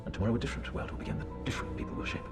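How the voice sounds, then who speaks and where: An actor playing a masked male vigilante, speaking in a measured, poetic and menacing way, from a film clip. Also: loud music behind the voice, close to an everyday voice. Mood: solemn. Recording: film clip with loud score.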